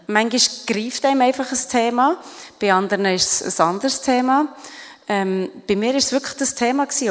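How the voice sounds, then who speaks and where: A woman's voice: on the high side, long reverb tail. A middle-aged woman with a Swiss German accent, speaking earnestly and reflectively as a guest on stage, with many fillers and restarts. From Switzerland. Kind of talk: interview on stage at an event.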